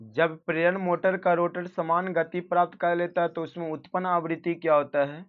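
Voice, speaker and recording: A man's voice: a little high, little pitch movement, normal speed. A male teacher working through an exam practice set, reading each question aloud and then giving the answer, sometimes correcting himself. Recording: dull lo-fi recording.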